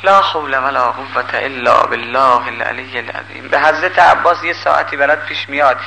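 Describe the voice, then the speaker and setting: An older man preaching a sermon in a lively, emphatic way, pleading with and scolding his listeners. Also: on the high side, vocal fry, a little hiss or hum, rough recording.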